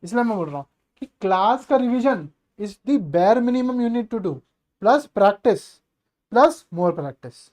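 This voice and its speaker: A man's voice: sits high, animated, drawn-out words, a little mellow. A male maths teacher giving an online exam-prep lecture, chatty and coaxing, asking the class rhetorical questions and mixing English terms into his explanations.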